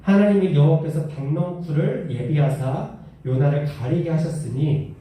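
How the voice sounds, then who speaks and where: A man preaches to teenagers in a relaxed, chatty way and keeps asking them questions. His voice sits fairly high but sounds very dark and mellow. It comes from a distance in a big, strongly echoing hall. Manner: conversational, asks the audience questions. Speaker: youth pastor. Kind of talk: sermon to teenagers. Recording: echoey hall, mic far off.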